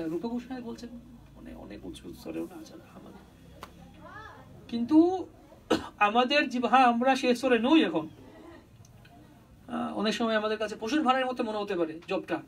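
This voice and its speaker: Devotional preacher: a man with a high voice, set back from the mic, explaining and chanting verses. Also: recorded from a distance, low-quality recording. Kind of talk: devotional sermon.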